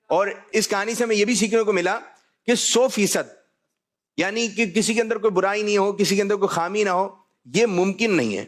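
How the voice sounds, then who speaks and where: A man hosting a religious talk show, jovial, often repeating his key phrases. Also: high voice. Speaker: host.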